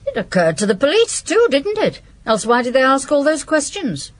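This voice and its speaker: In a radio detective drama, an actress plays a blunt, guarded former servant giving evidence, her manner dry and sardonic. Her voice sits high with big swings in pitch, and she speaks at normal speed.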